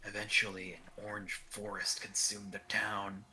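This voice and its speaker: A woman voicing a quiet, wistful, mysterious young girl in a video game, soft-spoken and measured. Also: extremely low pitch, flat delivery, a little hiss or hum, full character voice, poor audio. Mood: calm, wistful.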